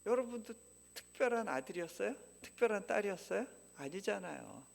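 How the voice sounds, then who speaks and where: A man's voice: high voice, fairly quick, gravelly. A middle-aged man, a missionary, telling a personal story in a sermon and asking the congregation questions. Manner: lively, asks the audience questions. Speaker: missionary speaker. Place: church sanctuary. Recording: long reverb of a church hall.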